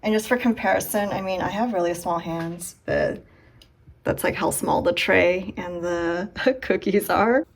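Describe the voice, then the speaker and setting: A young woman chatting casually in a home vlog, relaxed and easygoing, with a soft laugh now and then. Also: on the low side, measured pace, slight background noise. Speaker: vlogger. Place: small apartment kitchen and home.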